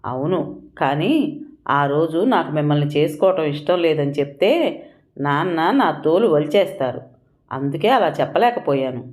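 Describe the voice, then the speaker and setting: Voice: medium pitch, lively intonation, moderate pace, darkish tone, close to an everyday voice. A narrator voicing a tearful, anxious young bride who pleads and confesses, in a storybook reading. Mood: confessional.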